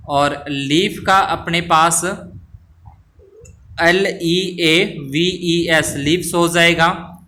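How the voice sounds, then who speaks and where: A man's voice: fairly high pitch, bright, forceful tone. A male teacher patiently explaining test answers, spelling words out letter by letter and mixing in English phrases. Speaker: school teacher.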